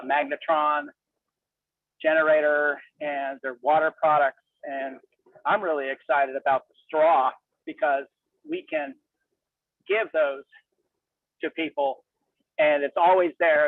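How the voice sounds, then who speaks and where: A man calling in by cell phone while driving, speaking in a halting, rambling way with many fillers and restarts. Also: a little high, dry recording. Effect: calling in by cell phone from a moving car. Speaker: caller. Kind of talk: call-in open mic. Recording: tinny distant phone line.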